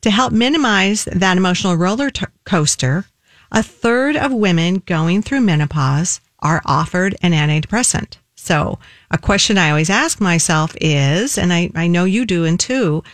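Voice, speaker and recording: A woman hosts a radio talk show as a nutritionist, her voice sitting a little low. She speaks in a measured, conversational way. The sound is dry and close. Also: no room sound.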